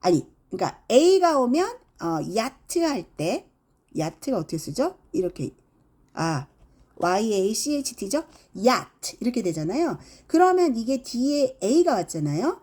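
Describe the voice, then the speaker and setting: A woman's voice: on the high side, sing-song, unhurried, darkish tone, husky. A middle-aged woman teaching English phonics, demonstrating each sound with exaggerated examples. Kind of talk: phonics lesson.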